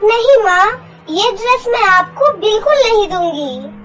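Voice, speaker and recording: A woman voicing a gentle, mistreated young girl in a cartoon story, pleading and tearful. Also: extremely high pitch, big pitch swings, a little slow, faint music behind, voice pushed up, exaggerated voice.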